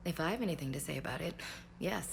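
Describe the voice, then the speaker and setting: An actress playing an earnest, proud and grieving female soldier in a video game, with a slightly gravelly voice. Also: low-pitched, animated, fast talker, slight background noise. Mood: subdued, sincere. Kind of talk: video game dialogue acting.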